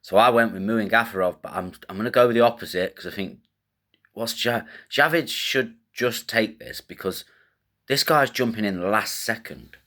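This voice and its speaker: A man with a lowish voice runs through fight picks and betting odds in a loose, rambling style. He thinks out loud, drops slang and swears casually as he goes. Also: normal speed. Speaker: host of a fight betting show.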